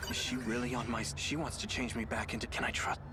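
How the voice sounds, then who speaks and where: A man playing a troubled teenage schoolboy in a video game, earnest and halting as he puzzles things out. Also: medium pitch, flat delivery, over music, lightly acted. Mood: brooding, confused. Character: troubled teenage schoolboy piecing together lost memories. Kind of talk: dubbed video game drama, inner monologue.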